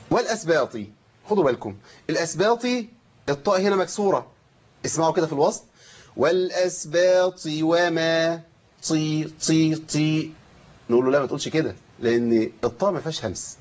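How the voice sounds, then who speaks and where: A man with an Egyptian Arabic accent teaching Quran recitation rules. He chants verses slowly to demonstrate them and quizzes his students as he goes. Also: a little high, sing-song, breathy edge. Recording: dull lo-fi recording.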